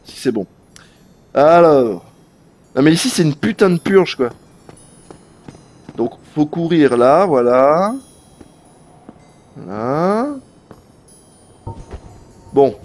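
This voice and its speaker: Animated male game streamer, higher voice. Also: unhurried, long pauses, faint music behind. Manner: animated, talks straight to chat, swears casually. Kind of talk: live gameplay commentary.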